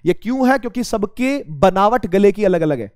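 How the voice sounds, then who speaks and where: Male teacher, high voice, dry close sound, casual physics lesson, asks and answers own questions, slightly strained throat. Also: expressive, normal speed, darkish tone, no echo. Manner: addresses students as beta, asks and answers his own questions.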